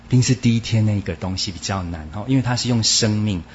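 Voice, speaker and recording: A man preaching a sermon, animated and acting out quoted voices, with Hokkien words mixed in. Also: on the low side, fast, slight background noise. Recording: dull lo-fi recording.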